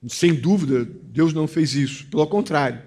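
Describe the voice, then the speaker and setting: Brazilian pastor preaching with emphasis. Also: male voice, fairly high pitch, moderate pace. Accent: Brazilian Portuguese. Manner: emphatic preaching, rising to stress key phrases then dropping to a quiet confiding tone. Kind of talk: sermon.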